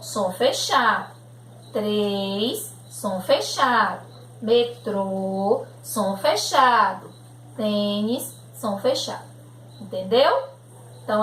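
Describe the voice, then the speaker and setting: Her voice leaning high with a fairly bright tone, a primary school teacher with a Brazilian accent patiently explains grammar to young kids, slowly and with frequent "né?" and "tudo bem?" check-ins. The recording comes from a room at home, echoey and with slight background noise.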